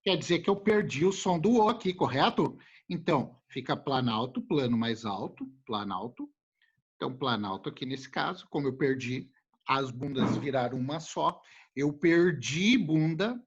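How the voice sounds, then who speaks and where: A male teacher, joking and animated as he explains things to his class. His pitch leaps around a lot, and his voice is a little husky. The recording sounds muffled and lo-fi. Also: normal speed. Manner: animated, jokey, talks to students as a group. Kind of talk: casual classroom lesson.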